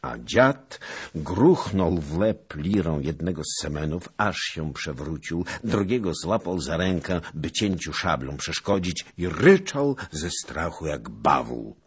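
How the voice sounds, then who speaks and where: Deep, husky male audiobook narrator. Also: slow. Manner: dramatic, expressive reading. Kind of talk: audiobook narration of a historical novel.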